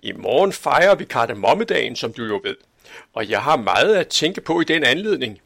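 A man voicing a calm, good-natured police chief in a storybook reading, speaking in an unhurried, gently reasoning way. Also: medium pitch, creaky, no echo, clean studio sound, exaggerated voice.

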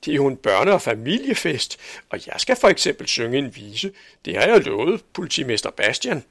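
Man doing a kindly, proud old gentleman. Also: mid-range voice, big pitch swings, slightly rough, no echo, studio quality, pitched above the performer's own voice, heavily acted. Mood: polite. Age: older. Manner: polite, gentle, a bit pompous. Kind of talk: storybook reading.

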